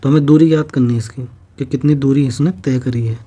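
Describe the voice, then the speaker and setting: Dark-voiced man teaching math. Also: medium pitch, steady tone, fairly quick, slightly rough. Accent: Hindi-speaking North Indian. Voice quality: patient step-by-step explaining, frequent check-ins. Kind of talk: exam-prep math lesson.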